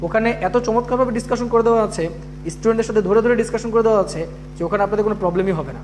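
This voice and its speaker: A man's voice: high-pitched, racing, background noise. A man teaching an English grammar class, repeating each rule and often checking that students follow. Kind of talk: live online class.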